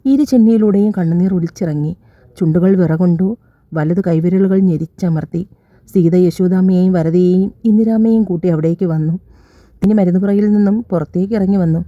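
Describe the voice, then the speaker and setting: A woman's voice: fairly low pitch, a little fast, no echo. A woman narrating a scripted audio love story, voicing every character's lines in her own voice. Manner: reads all characters' dialogue in her own voice, slightly raised. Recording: dull dry lo-fi recording.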